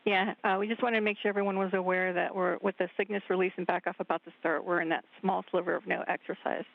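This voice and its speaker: Tinny radio link, woman, creaky voice, mission control communicator, procedural calls. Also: lowish voice, flat delivery, quick pace.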